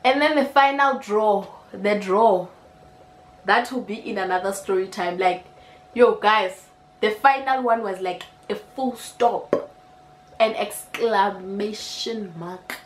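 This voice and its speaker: A young South African woman with a South African accent, telling a storytime vlog in an animated, slangy way with lots of repetition. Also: medium pitch, slow pace. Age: young adult. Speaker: YouTuber. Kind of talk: storytime vlog, casual chat. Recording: echoey room with faint music.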